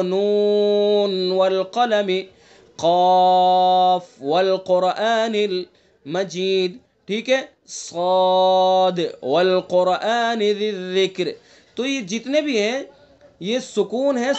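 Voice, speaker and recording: A high-pitched man leads an online tajweed lesson as a Quran recitation teacher. He talks patiently, repeats each rule, quizzes his students and stretches out the recited examples. His voice comes through muffled, lo-fi video call audio. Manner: draws out recited examples slowly.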